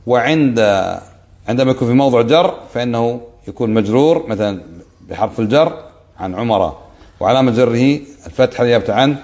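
A man gives a religious lesson, explaining each point patiently and now and then telling a light humorous story. His voice sits at an ordinary middle pitch. The recording sounds dull and lo-fi. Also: a little mellow. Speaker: sheikh teaching a hadith book.

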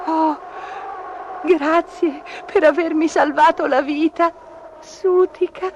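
Woman doing a high timid boy kitten. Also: lively intonation, normal speed, a bit bright, muffled recording. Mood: grateful. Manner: pleading, tearful. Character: timid gentle young male kitten. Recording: noisy background.

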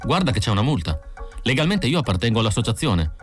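A man's voice: medium pitch, big pitch swings, quick pace, faint music behind, close to an everyday voice. A man reading an audiobook, voicing a young female android who sounds tense and pleading, in a raised voice. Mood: agitated. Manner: anxious, breathless pleading.

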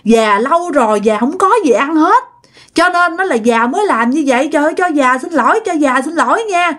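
A woman's voice: sits high, animated, normal speed, pitched above the performer's own voice. A woman voicing a starving, frail old woman, tearfully begging forgiveness. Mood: pleading. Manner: pleading, tearful, repeats herself.

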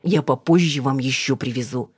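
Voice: mid-range voice, moderate pace, slightly rough, no room sound, studio quality, close to an everyday voice. A reader voicing a stern, guarded businesswoman who answers in curt, clipped lines.

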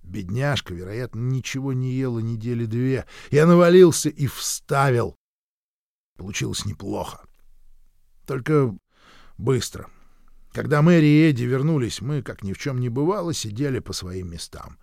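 A man reading a first-person literary story aloud in a measured, gruff manner, close to the mic. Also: mid-range voice, lively intonation, darkish tone, no echo. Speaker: audiobook narrator.

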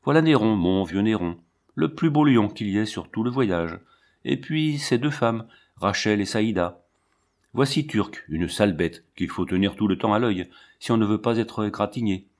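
Man voicing a boastful gruff lion tamer. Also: lowish voice, animated, normal speed, darkish tone. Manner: boastful, brusque.

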